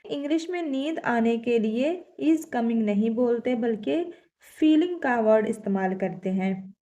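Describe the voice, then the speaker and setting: A woman teaching a language lesson, explaining sentences and reading example phrases slowly and deliberately. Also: on the high side, lively intonation, dark tone, highs cut off. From South Asia. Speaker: English teacher.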